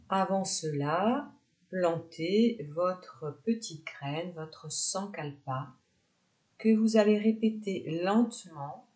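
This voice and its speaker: Speaking in a fairly low pitch, a woman leads a yoga nidra session, pausing between her gentle, leisurely instructions.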